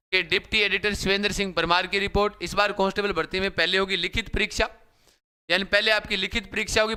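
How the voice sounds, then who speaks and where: A young male coaching teacher speaks in a high, bright voice that's a little hoarse yet smooth and clear. Running a live-stream class, he addresses his viewers again and again in a repetitive way.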